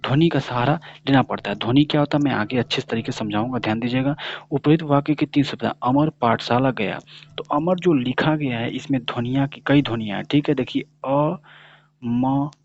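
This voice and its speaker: A man's voice: mid-range voice, brisk, creaky, slight background noise. A man teaching Hindi grammar, sounding out letters one by one and answering his own questions as he drills the class. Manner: asks a question, then answers it himself. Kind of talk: classroom-style grammar lesson. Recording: dull lo-fi recording.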